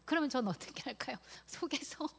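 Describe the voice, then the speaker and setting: Woman pastor, 30s, preaching a story from her own life, acts out the quotes, goes quiet and whispery sometimes, middle-pitched voice. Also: lively intonation, brisk. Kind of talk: sermon with personal story.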